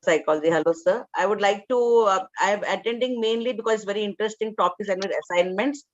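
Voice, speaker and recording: A woman's voice: medium pitch, fast, no room sound. A woman with an Indian accent, a college lecturer introducing herself in an online class. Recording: dull, dry online call audio.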